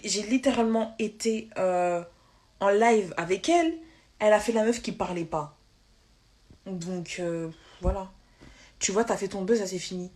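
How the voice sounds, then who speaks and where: A woman on a live stream, ranting in a heated casual way, talking fast with slang and many restarts, irritated. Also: mid-range voice.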